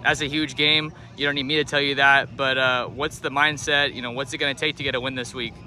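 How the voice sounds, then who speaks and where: Very bright-voiced male sports reporter. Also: medium pitch, little pitch movement, a little fast. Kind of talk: sports interview questioning. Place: outdoor football field.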